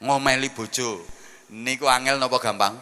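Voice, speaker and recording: A man's voice: medium pitch, steady tone, normal speed, pushed and bright, a little hiss or hum. A man with a Javanese accent giving a comic sermon, joking and teasing the audience in a chatty way. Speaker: preacher.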